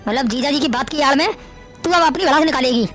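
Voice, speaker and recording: Young brother in a family drama, high-pitched and quick-spoken, pleading and prickly. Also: female voice, a bit bright, soft background music. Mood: angry. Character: young man, poor brother, touchy but meek. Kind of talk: Hindi family drama acting.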